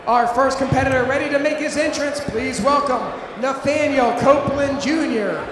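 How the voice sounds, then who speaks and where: A man working as a boxing ring announcer, with formal, theatrical delivery and drawn-out, booming name calls. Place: large indoor event venue, over PA. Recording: echoey arena PA, noisy crowd.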